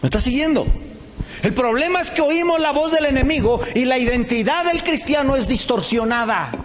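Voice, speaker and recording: Animated pastor preaching in a reverberant hall. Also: male voice, very high voice. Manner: animated preaching, acts out Bible characters in quick dialogue. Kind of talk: sermon. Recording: live church hall with reverb and faint ambience.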